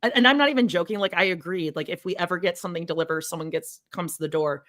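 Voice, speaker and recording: A woman's voice: fairly low pitch, fast, a bit bright. A woman co-hosting a podcast, chatting casually in a blunt, sarcastic way and swearing freely. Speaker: podcast co-host. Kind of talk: snarky casual watch-along chat.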